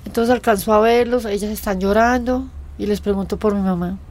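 A woman's voice: medium pitch, a little fast. A woman recounting a personal story and acting out the quoted voices. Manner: acts out quoted voices, lively retelling. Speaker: interviewee telling her story.

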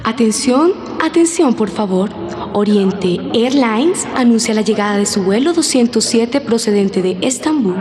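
A woman making airport announcements in a radio drama. Her voice sits on the high side, formal and measured as she calls passengers to attention. A clearly audible crowd bustles behind her. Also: animated, in a large hall. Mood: formal, announcing. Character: polite formal female airport announcer calling flights. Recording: busy crowd noise behind the voice.

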